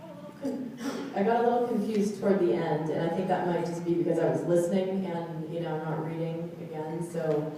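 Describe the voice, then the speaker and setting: Woman, low voice, hesitant, fillers, very echoey room. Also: fairly quick, mellow. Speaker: literary agent on a panel. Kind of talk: panel discussion. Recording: echoey room, distant mic, faint noise.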